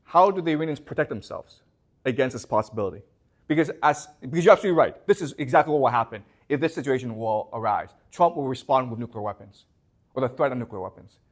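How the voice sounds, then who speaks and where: Animated male professor lecturing a class. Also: medium pitch, fast. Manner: checks in constantly with the class; restarts and repeats words.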